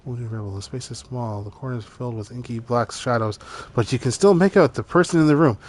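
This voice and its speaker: A man's voice: mid-range voice, fairly quick, darkish tone. A man reading game narration aloud dramatically, breaking into casual asides as he plays. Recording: music behind the voice.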